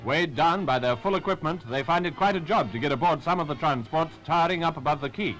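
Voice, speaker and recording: A man's voice: a little high, quick pace. A man with a British Received Pronunciation accent reading scripted 1940s newsreel narration in a formal, rousing, patriotic manner. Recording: 1940s newsreel with music behind. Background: music.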